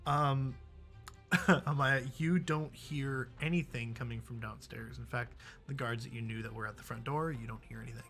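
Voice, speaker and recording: A man's voice: medium pitch, fairly even intonation, normal speed, fairly bright tone, faint music behind. A young man narrating as dungeon master, laid-back, chuckling often and full of fillers. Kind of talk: narrating a tabletop game.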